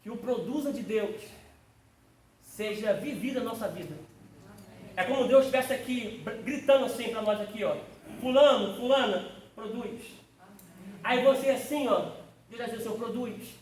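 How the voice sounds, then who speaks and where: Fervent pastor teaching a class. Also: male voice, very high-pitched, moderate pace, darkish tone. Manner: fervent, exclamatory, calls on listeners by name. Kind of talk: preaching-style theology lecture. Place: church classroom. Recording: roomy, distant mic, faint noise.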